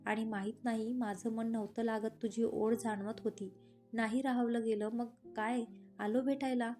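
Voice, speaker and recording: A woman voicing a young husband who flares up quickly but dotes on his wife, in a romantic audio story. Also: on the high side, little pitch movement, dark tone, faint music behind, lightly acted. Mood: doting. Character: young husband, hot-tempered but doting.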